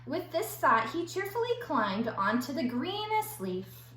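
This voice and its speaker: A woman schoolteacher reading aloud to young children and explaining an activity in simple, clear phrases. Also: high voice, sing-song, unhurried, fairly bright tone. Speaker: elementary school teacher. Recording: echoey room with faint background noise.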